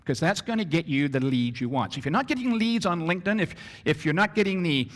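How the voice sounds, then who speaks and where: A man's voice: on the high side, fast talker. Man presenting in an echoing hall. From Canada. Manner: animated, acts out scenarios in character voices. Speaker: business trainer. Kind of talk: presentation to an audience. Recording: long reverb of a hall.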